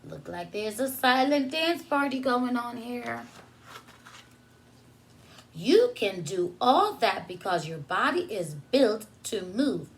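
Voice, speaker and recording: At story time, a preschool teacher with a slightly high, very animated voice reads aloud to little ones. She breaks in with teaching asides and simple questions, waiting for their answers.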